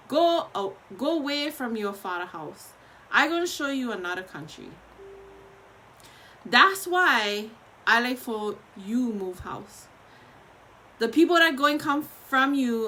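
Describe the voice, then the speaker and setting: Female reader, Hawaiian Pidgin speaker. Bright, forceful tone, colloquial storytelling delivery, faint noise behind. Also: on the high side. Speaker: host of a daily online Bible reading. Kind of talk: reading scripture aloud in Hawaiian Pidgin.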